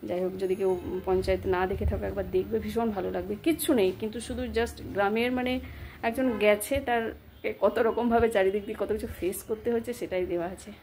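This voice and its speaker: A woman's voice: medium pitch, steady tone, fast talker, a little mellow, a little hiss or hum. Chatty Bengali mother vlogging at home. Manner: chatty, rambling, coaxing with her child. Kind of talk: casual home vlog chat. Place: home kitchen.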